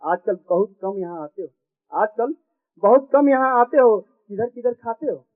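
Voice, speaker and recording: Man voicing a nosy talking security camera, very high voice, rhyming scolding, repeats lines twice, tinny lo-fi. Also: lively intonation, normal speed. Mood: warning. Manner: repeats each warning twice, sing-song rhyming. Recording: tinny phone-like sound.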